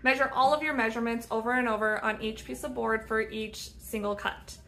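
A woman's voice: a little high, fairly even intonation, fairly quick, pushed and bright, a little hiss or hum. Chatty woman teaching in a workshop. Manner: upbeat, chatty, laughs at own slips. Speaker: woodworking instructor. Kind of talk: casual step-by-step tutorial. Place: indoor woodworking shop. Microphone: phone camera at arm's length.

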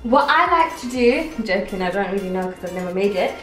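A young woman vlogger talks quickly and animatedly in a mid-range voice. While cooking in her home kitchen, she rambles brightly to viewers in a casual cooking vlog. The audio carries a roomy kitchen echo and faint background music.

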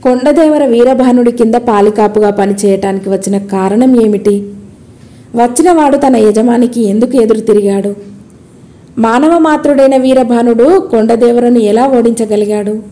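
Riddling male spirit questioning a king; woman narrator plays it, probing, dark and smooth. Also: a little high, normal speed, close to an everyday voice.

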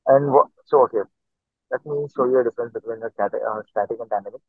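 A man with a mid-range voice talks fast in a screen-recorded online lecture with no room sound. He explains each step and says "okay" again and again, picked up by a computer mic on a video call that gives tinny, dry audio.

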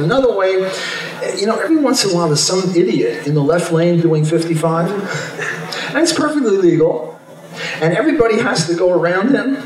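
Speaking on a handheld mic from the stage of a big hotel ballroom, an older male economist delivers a chatty, informal convention talk full of wry asides that amuse him. His high voice is recorded from afar, sounding echoey from the camera's position.

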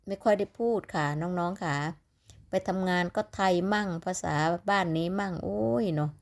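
A woman's voice: lowish voice, moderate pace. Chatty Isan woman tipping lottery numbers. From Northeastern Thailand (Isan). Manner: chatty, rambling, calls viewers "little siblings". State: sleepy. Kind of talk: casual chat to viewers.

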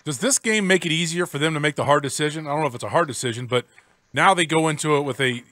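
A man's voice: a little high, fast, pushed and bright, no echo. A man co-hosting postgame radio talk, asking long, searching questions. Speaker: radio co-host.

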